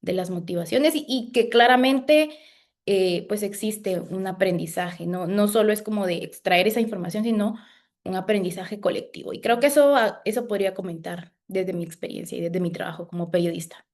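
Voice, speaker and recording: A woman journalist, answering in a podcast interview, thoughtful and halting with many restarts. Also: medium pitch, darkish tone. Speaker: community journalist.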